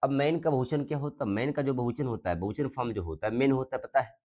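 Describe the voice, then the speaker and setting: A man's voice: medium pitch, fast talker, a little mellow. A man teaching a grammar lesson, asking the class questions and repeating the answers, coughing now and then.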